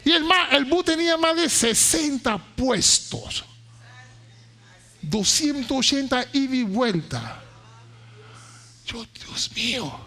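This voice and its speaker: A man preaches in a very high, bright voice with a gravelly edge. He tells his own story as a pastor, then rises into loud, fervent praise. His pace and energy climb as the sermon goes on. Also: sing-song, takes it slowly, pauses often. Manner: storytelling that builds into shouted praise. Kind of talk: sermon with testimony.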